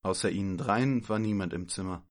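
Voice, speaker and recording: A man calmly reading a children's story aloud as narrator. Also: deep voice, brisk.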